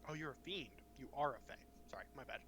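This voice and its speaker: A man sits at a tabletop game and tosses in jokes and rules tips. His pitch sits in the middle range. Faint noise runs behind him. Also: expressive, fast talker, sharp tone. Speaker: player. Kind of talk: casual tabletop game talk.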